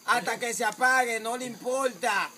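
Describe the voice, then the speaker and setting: A man's voice: very high-pitched, fairly even intonation, moderate pace, very noisy. A young man with a Dominican accent, improvising joking, boastful rhymes among friends outdoors by a fountain. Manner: joking, boastful, rhyming banter. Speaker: video host. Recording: loud crowd around the mic.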